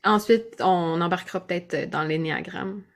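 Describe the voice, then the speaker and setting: A woman co-hosting a podcast in a relaxed, loose way. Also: fairly low pitch, moderate pace. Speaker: podcast co-host. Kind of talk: casual chat.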